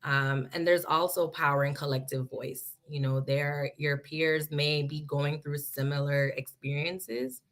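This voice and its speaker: Low-voiced woman on a panel. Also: flat delivery, unhurried, hardly any pauses. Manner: earnest, laughs while teasing. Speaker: graduate student panelist. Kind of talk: panel discussion. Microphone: video call.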